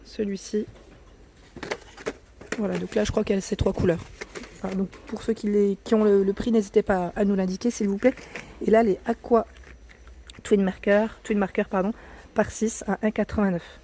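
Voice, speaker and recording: A woman's voice: mid-range voice, steady tone, normal speed, pauses often, mellow, a little hiss or hum. Chatty woman with a cracking morning voice. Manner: chatty, often corrects herself, drops to a near whisper at times. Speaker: vlogger showing new store arrivals. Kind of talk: casual product walkthrough. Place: indoor store aisle.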